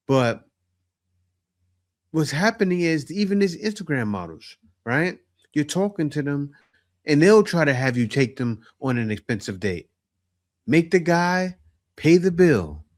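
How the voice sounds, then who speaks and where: Casual male commentator, tag questions. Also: fairly high pitch. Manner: conversational, asks "right?" often.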